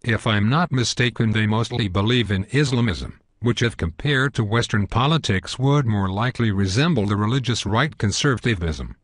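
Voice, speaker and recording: A man's voice: fairly low pitch, lively intonation, normal speed, hardly any pauses, no room sound, studio quality. A synthetic male voice playing a hesitant, reasonable guest in a scripted satirical cartoon interview, speaking earnestly and stiffly. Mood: earnest, defensive.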